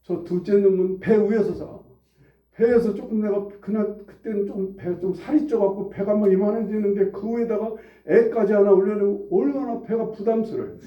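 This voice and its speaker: Brief: male pastor in his forties, conversational sermon, slightly high voice, dull and echoey church recording from far off. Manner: conversational preaching, swings from hushed to loud and high. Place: church sanctuary.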